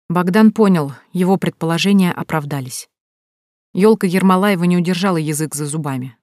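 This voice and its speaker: A woman reading a novel aloud in a steady, even narrative style, recorded dry and close. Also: low-pitched, dry recording. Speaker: audiobook narrator.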